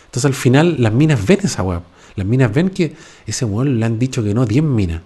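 A man's voice: mid-range voice, animated, moderate pace, warm tone, slightly rough. Chilean man, 40s, podcast host at home, slangy, swears a lot, keeps asking the listener if they follow. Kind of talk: casual chat. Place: at home, indoors. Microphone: podcast microphone.

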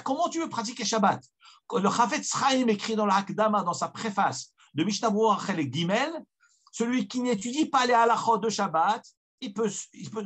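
A man's voice: high-pitched, a bit bright. A man, a rabbi, giving a weekly Torah lesson in an emphatic storytelling way, repeating key phrases for weight.

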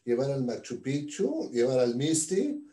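Man, host, mellow voice, agreeable. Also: medium pitch, very animated. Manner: agreeable, quick affirmations. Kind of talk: casual interview chat.

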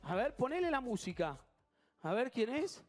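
High-voiced Argentine TV game show host. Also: male voice, sing-song. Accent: Argentine Spanish. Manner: teasing, questions contestants rapidly. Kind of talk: lively TV game show hosting.

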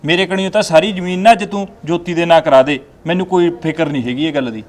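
A man playing a quick-talking soothing nephew. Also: a little high, lightly acted. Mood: placating. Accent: Punjabi. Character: soothing young nephew who calms the family.

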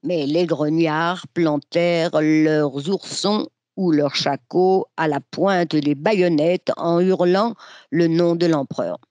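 A reader narrating a historical novel aloud in a measured, expressive way. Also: medium pitch, dry recording, muffled recording. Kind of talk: literary reading aloud.

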